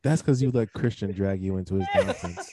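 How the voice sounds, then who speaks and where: A man's voice: low-pitched, a little fast, warm tone. A young man hosting a podcast in casual chat, laid-back with lots of fillers, over a video call. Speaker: podcast host.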